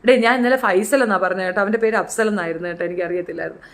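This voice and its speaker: A woman's voice: mid-range voice, very fast. A middle-aged woman giving chatty, opinionated commentary in a casual style, acting out quotes with other voices. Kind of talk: casual reality show commentary.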